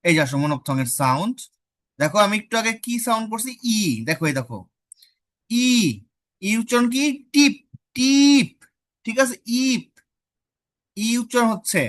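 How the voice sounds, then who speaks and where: Leading an online phonetics lesson, a woman quizzes her students and models vowels by repeating them slowly. She speaks at a medium pitch with an expressive delivery.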